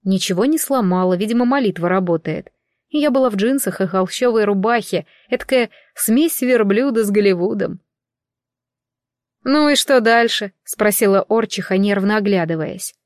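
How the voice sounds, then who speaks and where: A woman narrating a first-person fantasy audiobook in a wry, even storytelling manner. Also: mid-range voice, a little fast, no echo, studio quality. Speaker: audiobook reader.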